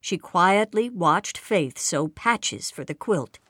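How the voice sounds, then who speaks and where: A woman reading a children's picture book aloud in an expressive way, acting out the quoted lines. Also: on the low side, slow pace, dry recording. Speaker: storybook reader.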